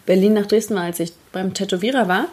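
A woman's voice: mid-range voice, quick pace, a little mellow, husky. A young woman co-hosting a casual podcast with her partner, answering with dry, wry comebacks. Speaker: podcast co-host. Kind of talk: casual couple podcast chat.

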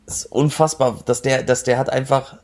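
A man hosting a casual talk, excitable and full of slang. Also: mid-range voice, brisk, background noise. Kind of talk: casual chat.

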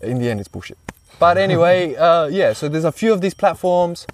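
A man's voice: on the high side, expressive, fairly quick, recorded from a distance. A man, the guest, telling a rambling personal story in casual talk, swearing freely and using many fillers.

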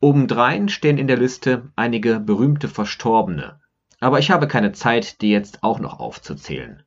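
A man's voice: medium pitch, expressive, moderate pace, breathy edge, highs cut off. Wry man reading a personal essay. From Germany, Rhineland. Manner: wry, ironic storytelling. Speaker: podcaster and blogger. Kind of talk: scripted personal essay narration.

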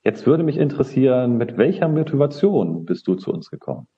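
A man hosting a podcast, with a lively, expressive delivery. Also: mid-range voice, fairly quick, highs cut off. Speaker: podcast host, social counselor. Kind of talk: podcast moderation.

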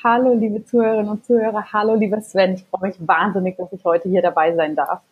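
A woman's voice: mid-range voice, level tone, fast talker, slightly rough, phone-quality sound. A woman from Germany, a physician and health coach, speaking articulately and enthusiastically as a podcast guest. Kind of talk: conversational interview.

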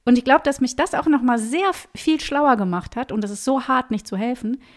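A woman who teaches singing, chatting on a podcast in a lively way, often acting out short dialogues with her students. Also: on the high side, brisk. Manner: animated, acts out little dialogues in voices. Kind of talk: casual podcast conversation. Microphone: podcast microphone.

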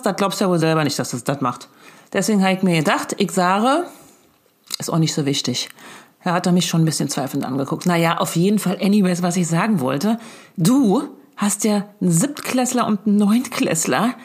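A woman's voice: fairly low pitch, husky. A mother in her thirties telling a comic voice-message story, colloquial and chatty, mock-lecturing and switching into acted-out dialogue. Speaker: mother of a schoolchild.

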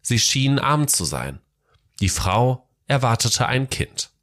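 A man narrating a Christmas storybook tale in a gentle, measured way. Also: medium pitch, big pitch swings.

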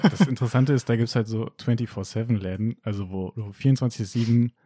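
Low, mellow young man chatting casually. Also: steady tone, quick pace, husky. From Germany. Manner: colloquial, hedging storytelling. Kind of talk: casual chat.

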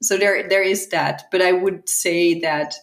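Low-voiced woman in an echoey room. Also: fairly even intonation, unhurried. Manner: thoughtful, repeats words as she thinks, laughs lightly. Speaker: guest. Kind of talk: conversational interview answers.

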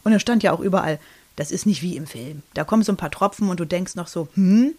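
A woman's voice: fairly low pitch, fast talker, a little mellow, husky. A woman in her thirties chatting casually on a podcast, telling a personal story with many fillers and restarts and acting out what people said. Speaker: podcast co-host.

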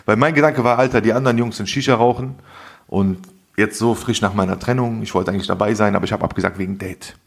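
A man with a low, gravelly voice and a husky, rough edge tells a story in casual street slang. He is animated and constantly throws in asides as a podcast co-host. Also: quick pace. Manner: slangy, animated storyteller, says "Alter" a lot.

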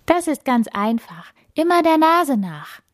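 A woman's voice: sits high, very animated, measured pace, dry recording, studio quality, pitched above the performer's own voice. A woman playing a kind cheerful little girl. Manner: bright and reassuring. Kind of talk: bedtime story voice.

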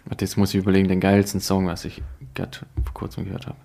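Young man, from Bosnia, low voice, hesitant, casual talk. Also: completely flat delivery, fast talker, gravelly, warm tone. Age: young adult. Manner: hesitant, mumbling, often unsure. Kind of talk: casual chat.

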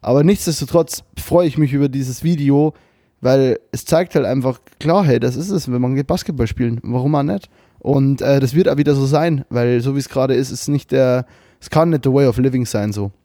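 A young man co-hosts a casual podcast over a remote webcam call at his computer, talking loosely with slang, swearing and English words mixed in. His voice is medium-pitched, mellow and fairly quick. The sound is studio quality with no echo.

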